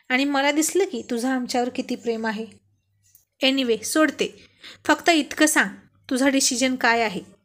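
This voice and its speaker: A woman voicing an angry, hurt young wife who scolds her husband, speaking louder and higher. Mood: sweet-talking. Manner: sharp, scolding, emotional.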